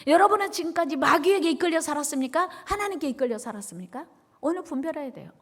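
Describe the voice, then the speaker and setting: Animated woman pastor, high expressive voice. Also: fast. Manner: animated, call-and-response with congregation; emphatic repetition. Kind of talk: sermon.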